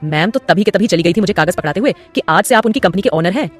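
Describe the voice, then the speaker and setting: A fawning, emphatic office boss lady, voiced by a woman narrator in an audio story, talking fast. Faint music sits behind. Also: on the low side. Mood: commanding, fawning. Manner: emphatic, flattering.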